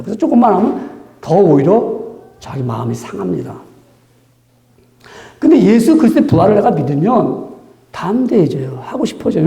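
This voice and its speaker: A man's voice: a little high, creaky, dark tone. A male pastor giving a conversational sermon, asking rhetorical questions and acting out quotes. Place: church sanctuary. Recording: echoey church room.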